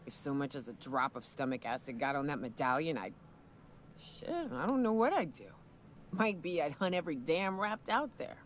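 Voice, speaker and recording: A woman's voice: deep voice, moderate pace, slight background noise, close to an everyday voice. A woman voicing a drunk, crude and folksy frontier monster hunter in a video game, rambling and stumbling over words. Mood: boozy storytelling. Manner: boozy, rambling, drawling folksy delivery with stumbles. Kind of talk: video game dialogue acting.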